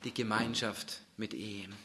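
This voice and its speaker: A man preaching a sermon in German, dropping to a near-whisper at times and then swelling loud with intensity. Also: lowish voice, little pitch movement, unhurried, a little hiss or hum.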